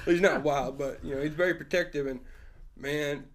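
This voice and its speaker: Young guy, fairly high-pitched, loose casual storyteller who laughs a lot and swears freely. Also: fairly even intonation, moderate pace. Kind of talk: casual chat.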